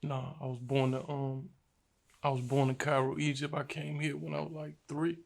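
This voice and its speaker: A young man from Virginia speaks in a flat, even tone, with a gravelly edge to his voice. He tells his story in a laid-back, slangy way during a casual sit-down interview. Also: medium pitch, moderate pace. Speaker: rapper, interview guest.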